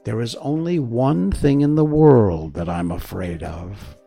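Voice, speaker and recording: A man voicing a friendly, simple straw-stuffed scarecrow come to life in a storybook, husky, polite and earnest. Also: medium pitch, measured pace, dark tone, soft background music. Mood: eager, confiding.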